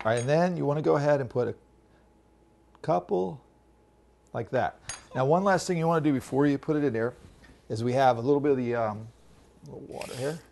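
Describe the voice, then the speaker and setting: Coaching children patiently through a cooking demonstration at home, this middle-aged chef talks briskly and pauses often. His mid-range voice is creaky and a little mellow.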